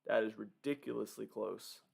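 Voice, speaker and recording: A man's voice: lowish voice, normal speed, vocal fry, darkish tone, slightly rough. A man giving casual live hurricane commentary, thinking aloud and talking informally to his viewers. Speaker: livestream weather commentator.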